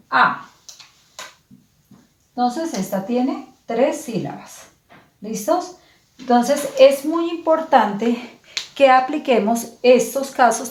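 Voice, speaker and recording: A woman teacher explaining grammar slowly and patiently, spelling out words syllable by syllable. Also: on the high side, a little mellow, echoey room, slight background noise. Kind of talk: slow, clear classroom explanation.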